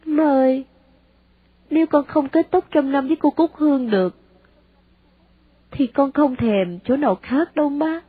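A woman's voice: very high-pitched, normal speed, no room sound, narrow, tinny audio, pitched above the performer's own voice. A woman with a Southern Vietnamese accent voicing a heartbroken young man who tearfully questions his mother. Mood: pleading.

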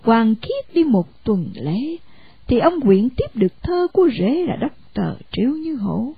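A woman narrates a storybook in an expressive, animated reading. Her high voice has a gravelly rasp and swings widely in pitch. The sound is dry and dull, like a lo-fi recording. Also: a little slow, no room sound.

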